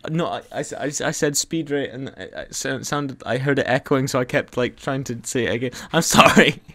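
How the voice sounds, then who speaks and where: A man chatting casually while playing a game with a friend, joking and breaking into loud playful shouts. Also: mid-range voice, moderate pace, dry recording. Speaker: gameplay commentator. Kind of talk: casual gameplay chat.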